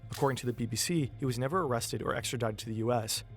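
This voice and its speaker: A man's voice: medium pitch, racing. A man reading scripted documentary narration as the narrator. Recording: music bed behind narration.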